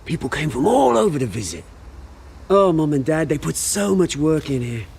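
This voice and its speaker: Oswald Cobblepot, cocky volatile British rogue. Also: male voice, fairly high pitch, sing-song, moderate pace, creaky, a little mellow, slightly rough, exaggerated voice. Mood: bitter, wistful. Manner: taunting, theatrical, slangy. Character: cocky, volatile British rogue, fallen rich heir turned revolutionary. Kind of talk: video game voice acting.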